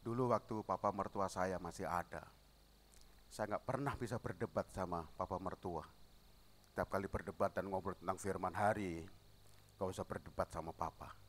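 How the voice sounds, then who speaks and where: A middle-aged man preaching a sermon as pastor, telling stories and acting out the dialogue, with shouted peaks. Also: low voice. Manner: animated storytelling, acts out dialogue, shouts at climaxes.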